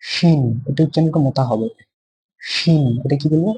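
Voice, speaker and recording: A man's voice: on the high side, racing, warm tone, slightly rough, low-quality recording. A man teaching a beginner Quran letter class, patiently repeating each letter and answering his own questions. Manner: asks questions and answers them himself. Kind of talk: beginner Arabic letter lesson.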